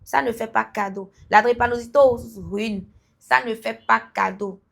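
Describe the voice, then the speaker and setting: A woman chats as a guest in an interview. Her voice sits a touch high and has a gravelly edge. She speaks emphatically, laughs between remarks and rises to loud calls when she addresses listeners. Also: fairly even intonation, measured pace. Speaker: entrepreneur guest. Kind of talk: casual interview chat.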